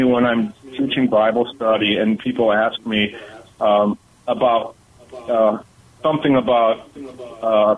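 A man calling in to a radio show over the phone, asking a question hesitantly with many fillers and restarts. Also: fairly low pitch. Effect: heard over the phone. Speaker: caller. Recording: tinny phone line.

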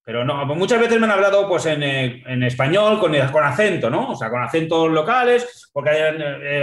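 Roomy-sounding Spanish man telling travel stories. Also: a little high. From Spain. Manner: rambling, frank, with frequent fillers and tag questions. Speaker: guest, traveler and author. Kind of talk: casual radio interview storytelling.

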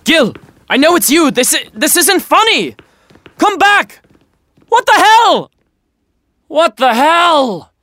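An actor playing a blunt, sarcastic young prince who talks in slang and swears freely. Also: male voice, high voice, very animated, a little slow, fairly bright tone, no echo, exaggerated voice. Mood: baffled.

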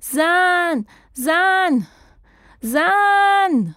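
A woman's voice: a little high, no echo, clean studio sound, close to an everyday voice. A woman narrator voicing an anxious young boy apprentice who pleads and grows frantic in a children's audiobook. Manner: pleading, rising to frantic shouts.

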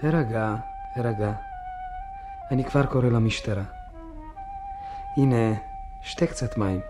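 A man voicing a calm psychiatrist in a radio drama, soothing and patronizing toward his patient. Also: medium pitch, lightly acted. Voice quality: soothing, placating. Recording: music playing behind.

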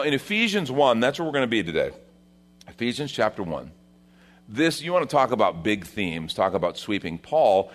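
A man preaching a sermon at a pulpit microphone in a church, with a voice of average pitch. He talks to the congregation conversationally, pushing up for emphasis and then sinking low and soft for reflective points. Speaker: senior pastor.

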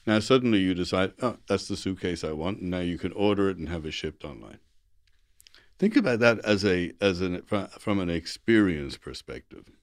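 This middle-aged or older Dubliner speaks as a guest on an interview, a technology executive telling stories in a chatty way. His voice is low with lively intonation at a normal pace, acting out dialogue and repeating phrases for emphasis. The studio recording is clean with no echo.

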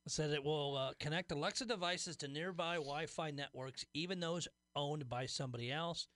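A man's voice: a little high, moderate pace, fairly bright tone, no echo. A man co-hosting a talk radio show, reading tech news items aloud with a wry, amused edge.

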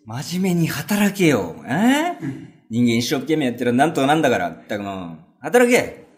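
A man playing a blustering male burglar in a rakugo story, talking in rough, gruff street speech. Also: mid-range voice, huge pitch swings, normal speed. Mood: lecturing. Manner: rough, gruff Edo-style street talk.

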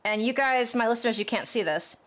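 A woman's voice: on the high side, brisk, a bit bright. An American woman hosting a podcast in a casual, chatty, slangy way. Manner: informal, slangy, addresses listeners as friends. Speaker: podcast host.

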